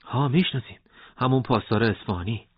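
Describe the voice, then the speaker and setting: A man's voice: mid-range voice, slightly rough, no echo, lo-fi sound, lightly acted. A man reading a story aloud and voicing a cautious, protective older male fighter who speaks firmly.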